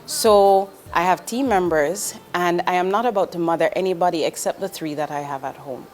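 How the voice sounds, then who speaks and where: Soft music plays behind a fairly low-pitched woman speaking at normal speed. She's a Jamaican investment executive in her forties giving candid interview answers, earnest and direct, with ums and restarts.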